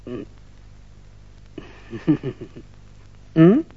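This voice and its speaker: A man's voice: on the high side, big pitch swings, very slow, husky, phone-quality sound, full character voice. An actor playing an older male official who questions a girl and coaxes her to speak, in stylized Henan opera delivery. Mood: coaxing. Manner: drawling, coaxing, wide swooping stage speech. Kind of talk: Henan opera stage performance.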